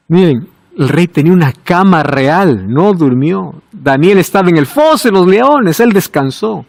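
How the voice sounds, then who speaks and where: A man preaching a sermon, asking rhetorical questions and swinging from loud emphasis to hushed low words. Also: no echo.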